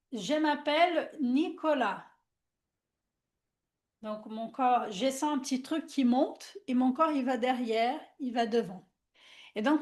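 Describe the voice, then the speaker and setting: A woman therapist leading a guided workshop over a video call, talking hesitantly with many fillers and restarts, gently instructing, into an external microphone. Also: high voice.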